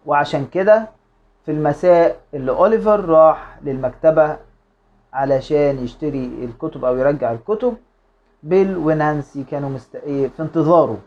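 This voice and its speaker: A teacher with an Egyptian accent reads an English storybook aloud slowly and explains it quickly, with many hesitations. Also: medium pitch, muffled recording. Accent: Egyptian Arabic. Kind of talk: reading a storybook aloud and translating.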